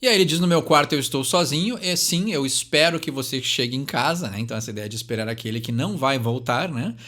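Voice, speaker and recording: A young Brazilian man, hosting a channel, casually breaks down song lyrics in a Brazilian Portuguese accent. His mid-range voice is bright and forceful with lively intonation. He's chatty, fills pauses and ends sentences with "né?", and reads the English lines slowly.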